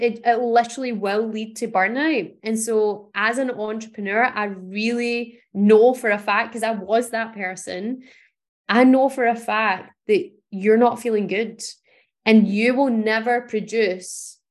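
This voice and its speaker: Woman from Scotland, podcast host, earnest, encouraging, emphatic, motivational solo talk, medium pitch.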